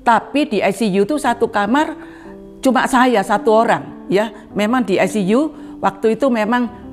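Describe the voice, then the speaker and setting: A woman's voice: moderate pace, soft background music. Older woman giving earnest church testimony. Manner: earnest, addresses congregation as beloved brothers and sisters; acts out quoted dialogue with rising pitch. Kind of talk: spoken testimony in a church service.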